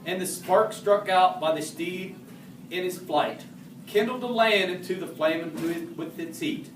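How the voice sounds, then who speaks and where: With a high voice and a measured pace, this man reads a narrative poem aloud in character as a historical horseman. He's an amateur, so he occasionally fumbles tougher words before correcting himself, captured roomily on a far-off mic with faint background noise.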